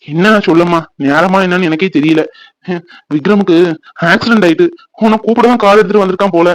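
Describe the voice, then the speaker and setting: A man's voice: high-pitched, fairly even intonation, quick pace, no echo, lightly acted, rough recording. A man voicing a worried older father-in-law in a cartoon, speaking sorrowfully and comforting. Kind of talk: cartoon voice acting.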